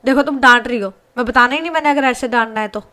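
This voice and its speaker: A sulky young woman patient in a spoken love story, wheedling and pleading, as a woman narrator voices her. Her voice sits fairly high and stays close to the teller's own. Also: fast talker, sharp tone.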